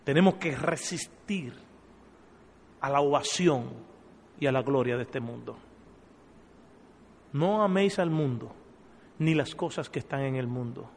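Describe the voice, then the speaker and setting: A man preaching a sermon, impassioned, swelling loud and dropping low. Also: expressive, unhurried, creaky, pauses often. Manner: impassioned, swells and drops in volume. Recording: long church hall reverb.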